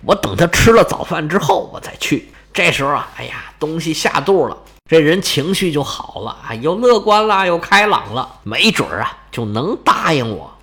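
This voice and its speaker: A man's voice: a little high, very animated, moderate pace, hardly any pauses, bright, forceful tone, heavily acted. A man doing a fussy boastful old Roman official. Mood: scheming. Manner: pleading, chatty, self-important. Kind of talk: Chinese storytelling performance.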